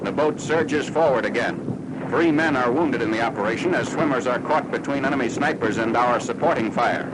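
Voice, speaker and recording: A man's voice: medium pitch, moderate pace, heavy background noise. A man reads scripted military newsreel narration in a formal, matter-of-fact 1940s style, on an old film soundtrack.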